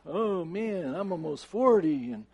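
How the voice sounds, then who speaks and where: A man's voice: sits high, lively intonation, measured pace, a little mellow, breathy edge. A man in his fifties, a pastor, leading a church service with joking asides and an earnest prayer, in a church sanctuary. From United States. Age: 50s. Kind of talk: sermon and prayer.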